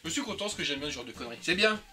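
Joking man in his thirties, casual co-host, slightly higher voice, music under the talk. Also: expressive, racing. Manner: joking, laughing, swears casually. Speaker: co-host showing flea market finds. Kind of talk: casual chat.

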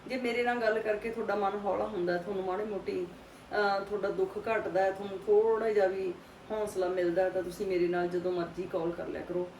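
Middle-aged woman vlogger, mid-pitched, gentle and grieving, consoling tone, chatty asides. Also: fairly even intonation, a little fast, a little hiss or hum. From Punjab. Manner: soft, sorrowful, consoling, with many tag questions. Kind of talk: casual heartfelt talk to viewers.

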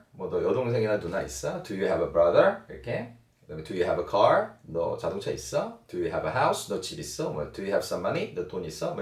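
A man teaching English in a lively, up-and-down voice, laying out rules one step at a time and going over example questions again and again. His voice is fairly low. The sound is roomy and echoey, with the speaker set back from the mic. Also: far from the mic. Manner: explains step by step, often repeating example questions. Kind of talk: lecture-style lesson. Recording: echoey room, voice from away from the mic.

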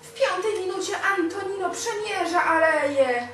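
A woman's voice: very high voice, normal speed. A young woman reading a picture book aloud to a small child, coaxing him with simple questions and praising his answers. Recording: echoey room, distant mic, faint noise.

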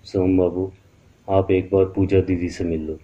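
A man's voice: low-pitched, level tone, a little slow, mellow, muffled recording. A man voicing a young woman in her thirties, the second wife, who talks in an insistent, urging way.

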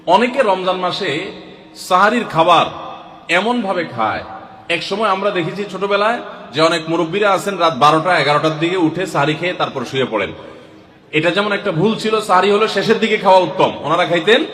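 A man giving casual religious advice, talking conversationally to listeners in a relaxed, advising way. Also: sits high, brisk. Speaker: religious speaker. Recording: echoey room with long reverb.

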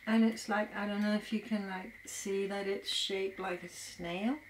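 A woman's voice: mid-range voice, fairly even intonation, unhurried, slight background noise, low-quality recording. Danish woman chatting while tasting pastries. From Denmark. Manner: chatty, eating while talking. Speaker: co-host tasting food. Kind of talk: casual chat.

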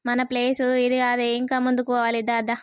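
Cartoon role: cocky young boyfriend, played by a woman, rapid and crisp. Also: on the high side, monotone, no echo, studio quality, lightly acted. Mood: teasing. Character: young male lover, cheerful and boastful.

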